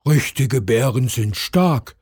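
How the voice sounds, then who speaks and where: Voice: mid-range voice, expressive, slow pace, a little mellow, breathy edge, no echo, clean studio sound, voice pushed down. Cheeky young raccoon for a children's audiobook, eager and bouncy, voiced by the narrator. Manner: eager, calling out. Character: cheeky little male raccoon who wants to be a bear. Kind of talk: storybook character voice.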